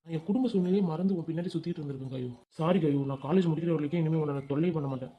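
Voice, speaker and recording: A man's voice: a little high, rapid-fire, lo-fi sound, lightly acted. A man voicing a troubled young male college student in a cartoon, earnest and weary. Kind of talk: cartoon voice acting.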